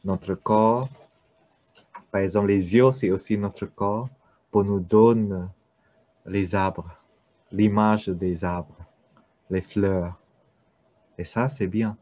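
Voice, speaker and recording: A man with a foreign accent, a non-native French speaker, giving an unscripted meditation teaching in halting French, searching for words. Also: lowish voice, fairly even intonation, warm tone, no echo. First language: not French. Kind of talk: unscripted Buddhist-style dharma talk. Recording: dull, muffled lo-fi sound.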